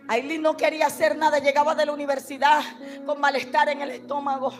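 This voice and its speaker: A woman preacher giving a sermon testimony, moving between hushed storytelling and shouted, impassioned preaching. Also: high-pitched.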